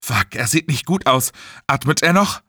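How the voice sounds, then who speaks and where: A man voicing a steady man who gives firm first-aid orders and calms his friend. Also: medium pitch, moderate pace, breathy edge, no echo, clean studio sound, voice pushed up. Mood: urgent. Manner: firm and commanding.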